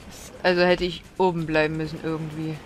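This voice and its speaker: A woman's voice: sits low, little pitch movement, brisk, faint music behind. A woman giving blind let's play commentary, swearing, exclaiming and scolding the enemies aloud.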